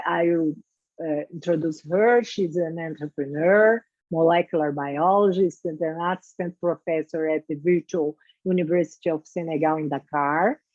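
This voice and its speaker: A woman with a Brazilian Portuguese accent, a Portuguese native speaker, formally welcoming and introducing a guest speaker, halting with many repeated words and restarts. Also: lowish voice, darkish tone, no echo. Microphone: video call. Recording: dull lo-fi video call audio.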